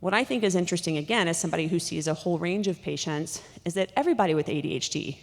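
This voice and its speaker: Gravelly low-voiced woman lecturing in a hall. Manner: rapid, with many fillers and restarts. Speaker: doctor presenting at a conference. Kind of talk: conference lecture. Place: large conference hall. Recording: hall reverb.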